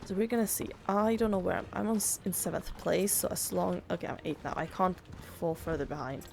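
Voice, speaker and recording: Chatty woman with a gravelly voice. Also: fairly low pitch, steady tone, fairly quick, a little mellow, a little hiss or hum. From Sweden. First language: Swedish. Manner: chatty and rambling, full of "like" fillers. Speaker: gaming YouTuber. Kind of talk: casual gameplay commentary.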